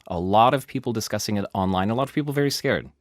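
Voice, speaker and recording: Low-voiced man explaining science news. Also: fast, dry recording. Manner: animated, explains at length with asides and emphasis. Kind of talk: casual explanatory podcast talk. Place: studio.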